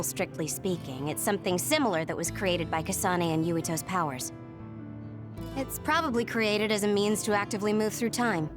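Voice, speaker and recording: In a natural, mid-range voice, a woman plays a brainy, laid-back young woman in an English game dub, explaining things analytically and matter-of-factly.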